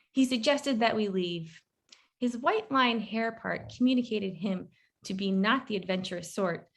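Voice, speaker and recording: A woman's voice: medium pitch, a bit bright. Woman author reading her story aloud.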